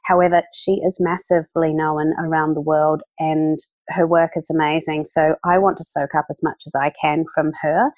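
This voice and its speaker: A woman's voice: low-pitched, little pitch movement, normal speed, hardly any pauses, a little mellow, no room sound. A woman, an event organizer chatting enthusiastically as a podcast guest, with many fillers. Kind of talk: casual interview talk.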